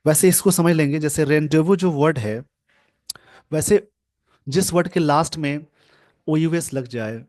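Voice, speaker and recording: A man teaching English grammar from a newspaper, explaining slowly and repeating key words. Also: fairly high pitch, darkish tone. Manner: slow, repetitive explaining, mixing English terms into Hindi.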